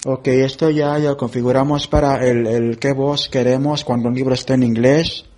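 A man presenting a relaxed tutorial, explaining app settings step by step and thinking aloud as he goes. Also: mid-range voice, normal speed. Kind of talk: screen-reader app walkthrough.

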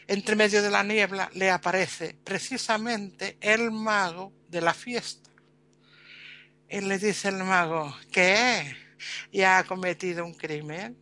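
A storyteller, retelling a tale in a lively, chatty way full of fillers. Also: mid-range voice. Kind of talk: casual oral storytelling.

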